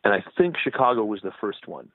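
A man's voice: fairly low pitch, sing-song, quick pace, no echo. A middle-aged male musician talking in a rambling way in a phone interview, often tagging his points with "right?". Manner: rambling, tags statements with "right?". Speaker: touring musician, guest. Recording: dry tinny phone line.

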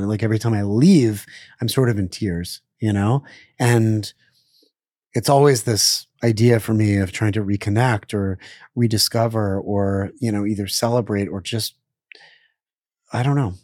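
At a moderate pace, a middle-aged chef of Israeli birth and Pittsburgh upbringing chats loosely in an interview, stumbling through fillers, restarts and self-corrections. His fairly low, darkish voice is captured at studio quality with no room sound.

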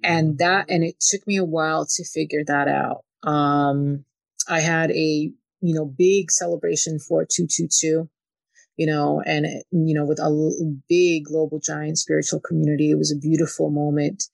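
Low-pitched and creaky, with a flat delivery and moderate pace, the Ukrainian channeler continues her spiritual conversation as an interview guest. "You know" turns up often in her speech. There's no echo.

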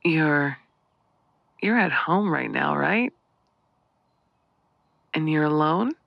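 A man performing an intimate audio roleplay in a soft, breathy half-whisper, slow and lingering. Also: fairly high pitch, expressive, no room sound, lo-fi sound.

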